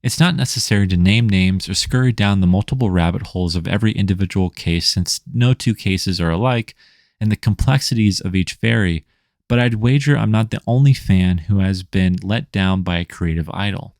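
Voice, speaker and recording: A man reading his own scripted video essay in a measured, rhetorical way, stacking lists and questions. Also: low-pitched, darkish tone, no echo, studio quality. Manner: measured, rhetorical, list-like delivery. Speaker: indie comics writer and channel host.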